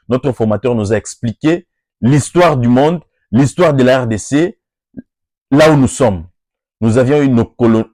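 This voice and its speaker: Addressing workers for an NGO, a Congolese man whose first language is Lingala or Swahili speaks French with a Congolese accent, rising to emphatic oratorical peaks. He comes from the Democratic Republic of the Congo. His voice is mid-range and darkish, captured in studio quality with no echo.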